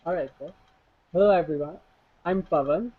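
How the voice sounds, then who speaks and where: A man's voice: a little high, normal speed, no echo. Young man on a tinny call. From India. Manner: hesitant, with restarts. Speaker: business school student and intern. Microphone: video call. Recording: tinny phone-like video call line.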